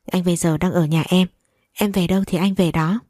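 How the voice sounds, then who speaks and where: Teasing young guy from a story, read by a woman, low dark voice, dry sound. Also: steady tone, a little fast, dry recording, close to an everyday voice. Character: cheeky persistent young man courting.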